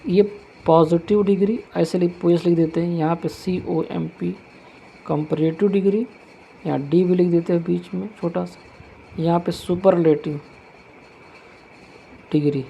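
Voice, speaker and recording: A man's voice: high voice, steady tone, a little slow, vocal fry, pauses often, warm tone, a little hiss or hum. A male teacher giving a classroom grammar lesson, patiently repeating each point as he writes it out on a board.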